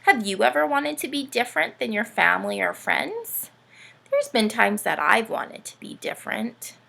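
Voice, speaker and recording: With a slightly high voice and some vocal fry, a woman speaks at a normal pace as she hosts a playful children's storytime with a puppet sidekick. She reads aloud in an animated way and keeps asking her young listeners questions.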